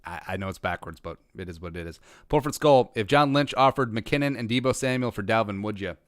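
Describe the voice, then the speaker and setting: A man from rural Minnesota runs a casual livestream, reading viewer questions from live chat and musing through them. He rambles, restarts often and has a dry, self-aware humor. His voice is lowish and fairly quick, with no room sound.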